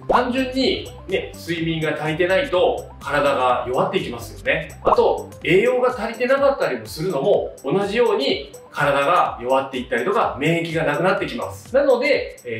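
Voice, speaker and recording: Man in his thirties, hairdresser explainer, high animated voice, roomy sound from a distance. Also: moderate pace, hardly any pauses. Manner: explanatory, frequent fillers, rising lively delivery. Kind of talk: explainer video to camera. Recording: roomy, slightly distant with soft music.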